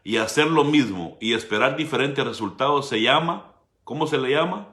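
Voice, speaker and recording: Preaching pastor in a roomy hall. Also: male voice, medium pitch, animated, normal speed. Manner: preaching with frequent direct address to the congregation; dramatic shifts between loud emphasis and hushed asides. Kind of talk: sermon. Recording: roomy church hall sound.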